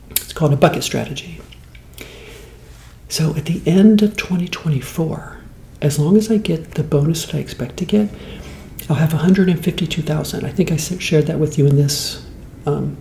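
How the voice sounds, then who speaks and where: A man in his late fifties talking in a slow, rambling, soft-spoken ASMR way, as host of the show. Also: fairly high pitch, roomy sound, a little hiss or hum. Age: 50s.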